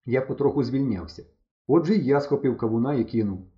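Lively man telling a storybook tale. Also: medium pitch, fairly quick. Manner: lively, mock-dramatic first-person telling. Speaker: audiobook narrator. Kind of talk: expressive storybook narration. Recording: dull lo-fi recording.

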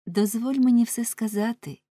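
A woman voicing a repentant, tender wife who speaks in a soft, pleading, earnest way, in a storybook reading. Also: on the high side, moderate pace, dry recording, voice pushed up, natural voice.

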